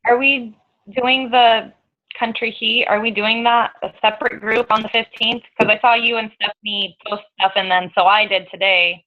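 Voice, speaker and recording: A woman in a casual team meeting, asking hesitant, quiet questions. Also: on the high side, fairly even intonation, normal speed, phone-quality sound. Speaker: team member.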